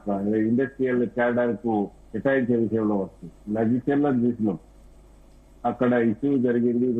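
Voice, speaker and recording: A man speaking as a political analyst in a live news debate, in halting, rambling speech full of fillers and restarts. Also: mid-range voice, husky. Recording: tinny phone-line audio.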